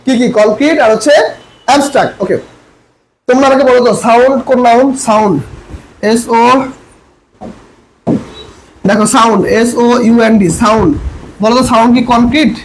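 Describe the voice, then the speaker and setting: A very high-pitched man with a Bangladeshi Bengali accent races through an online grammar lesson from his room. He keeps firing questions at his students and repeating each point, and a faint background noise sits under his voice. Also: steady tone, brisk, long pauses, poor audio. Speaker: admission coaching lecturer.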